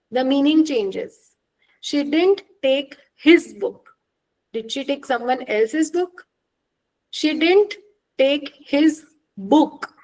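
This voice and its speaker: Higher-pitched woman teaching a lesson. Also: darkish tone, rough recording. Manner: explains with examples, checks understanding with quick questions. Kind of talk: online exam-prep lecture.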